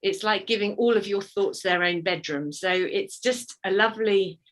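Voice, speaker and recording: A woman's voice: medium pitch, moderate pace, poor audio. Breathless woman talking from outdoors. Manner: breathless, laughing, many fillers and restarts. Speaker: charity speaker.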